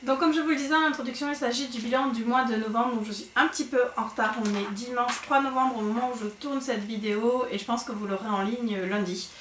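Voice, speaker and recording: A woman's voice: fairly high pitch, fairly even intonation, fast, hardly any pauses, a bit bright. A woman giving a casual monthly book recap on her vlog, chatty and hesitant with frequent fillers and restarts. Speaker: book vlogger. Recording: echoey room with faint noise.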